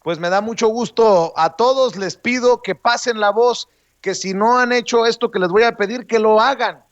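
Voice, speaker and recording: A male show host reading out phone numbers slowly and greeting viewers during an interview. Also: high-pitched, no echo, lo-fi sound. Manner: slow, deliberate reading of phone numbers, friendly shout-outs. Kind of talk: interview hosting with promotional call-to-action.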